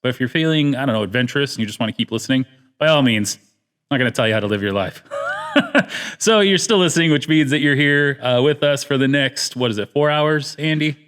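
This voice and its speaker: A man's voice: mid-range voice, fast, fairly bright tone, clean tone. A man hosting a casual church podcast, jokey and playful, often laughing. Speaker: podcast host.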